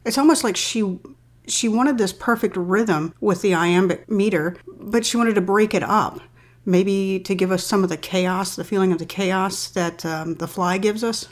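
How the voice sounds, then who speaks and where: A woman reading a poem aloud and then explaining it in a calm, measured way, like a literature teacher. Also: medium pitch. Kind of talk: poetry reading and analysis.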